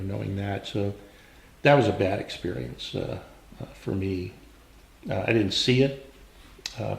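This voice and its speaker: An older American man, a veteran remembering his service in an unscripted interview, speaking in a measured, halting way with reflective pauses. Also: fairly low pitch, gravelly, darkish tone, a little hiss or hum. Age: older, around 70s. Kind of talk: unscripted oral history interview, reminiscing. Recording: roomy, echoing interview sound.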